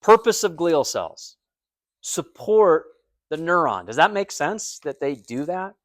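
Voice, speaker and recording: American male instructor, slightly higher voice, casual explainer, dry close sound. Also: dry recording. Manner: conversational, explains with everyday comparisons and check-in questions. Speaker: anatomy and physiology instructor. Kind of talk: recorded lecture.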